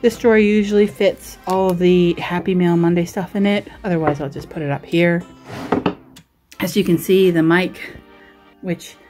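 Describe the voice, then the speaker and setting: A woman's voice: on the low side, steady tone, moderate pace, music in the background. A woman from Australia giving a casual, chatty show-and-tell as a vlogger, rambling in a giggly, self-deprecating way. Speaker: vlogger and writer giving a desk tour.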